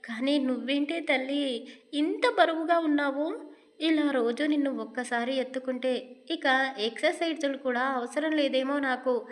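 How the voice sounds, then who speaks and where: A woman's voice: high voice, pitched above the performer's own voice. A woman doing a flustered young man. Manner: flustered scolding with teasing jibes. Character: young man, anxious and teasing lover.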